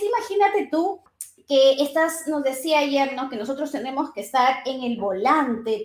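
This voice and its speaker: Female co-host, bright high voice, lively, echoey room sound. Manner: lively, acts out quoted bits. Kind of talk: casual self-help discussion.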